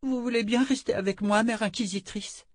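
A tearful little girl from a storybook, high and fragile, as a man reading aloud puts her on. She sounds plaintive and hurt, clinging to comfort. The recording is close and dry with no room around it. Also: fairly even intonation, normal speed, no room sound, natural voice.

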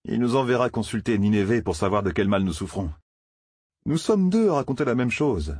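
A man's voice: lowish voice, sing-song, a little fast, a little mellow, husky, no room sound, clean studio sound. A man voicing a mischievous young village man, eager and chattering. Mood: earnest.

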